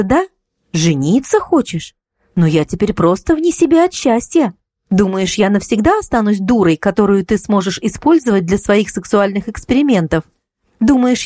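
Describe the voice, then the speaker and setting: A woman's voice: mid-range voice, big pitch swings, moderate pace, warm tone, no echo, clean studio sound, voice pushed up. A woman voicing a young woman who answers her ex in a steely, sarcastic tone in an audiobook. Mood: cold sarcastic.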